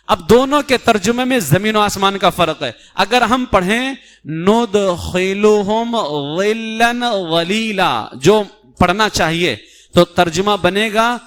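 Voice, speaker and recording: High-voiced man teaching Quran recitation. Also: fairly bright tone. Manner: explanatory, slowly sounds out Arabic letters to demonstrate. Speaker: mufti teaching a Quran class. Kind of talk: religious lesson on Quran recitation. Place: mosque.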